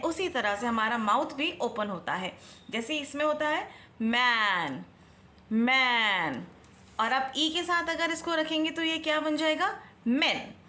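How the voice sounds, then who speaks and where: Young woman, phonics teacher; bright, high voice; slow, deliberate sounding-out of letters; echoey room. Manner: slow clear sounding-out of letters, stretching syllables. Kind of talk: phonics lesson for young children and parents.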